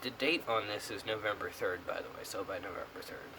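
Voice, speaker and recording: A man's voice: on the low side, brisk. A young American man rambling casually in a vlog review, talking with a pouch tucked in his upper lip. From United States. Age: young adult. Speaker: product reviewer. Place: small room indoors. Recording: clear background noise on camera mic.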